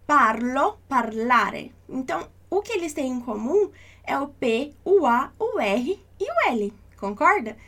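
High-voiced patient woman teacher. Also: sing-song, a bit bright. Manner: patient, reassuring, repeats examples slowly. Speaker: language teacher. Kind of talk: online lesson.

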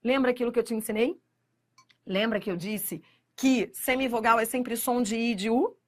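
A woman with a Brazilian accent teaching grammar for exam preparation, speaking straight to the viewer and stretching out the key words for emphasis. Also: fairly high pitch. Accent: Brazilian Portuguese. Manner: emphatic, drawn-out stressing of key words, direct address to the viewer. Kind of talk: exam-prep lecture to camera.

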